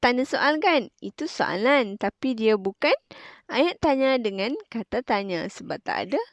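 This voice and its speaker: Lively-voiced Malaysian woman teaching. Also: fairly high pitch, measured pace, no echo, muffled recording. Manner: clear, patient teacher tone, stressing key words. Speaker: primary school Malay teacher. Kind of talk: online lesson explanation.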